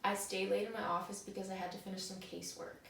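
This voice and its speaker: A woman's voice: mid-range voice, level tone, fast talker, gravelly, a bit bright. A woman playing a police officer testifying as a witness, speaking plainly. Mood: flat. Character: flat-voiced female police officer witness. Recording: very echoey, distant, faint noise.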